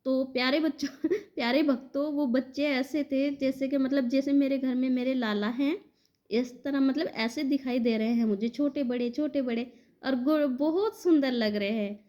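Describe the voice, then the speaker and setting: A woman's voice: high-pitched, moderate pace, muffled recording. A woman telling devotees about a spiritual vision in a conversational, devotional way. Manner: warm devotional address, conversational retelling. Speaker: devotional storyteller.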